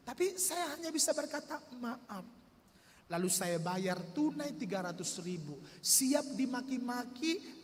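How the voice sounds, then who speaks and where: A middle-aged man, a pastor telling a story during a sermon in a church. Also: high voice. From North Sumatra, Indonesia. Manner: animated, vivid storytelling. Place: church sanctuary. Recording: reverberant church hall, faint noise.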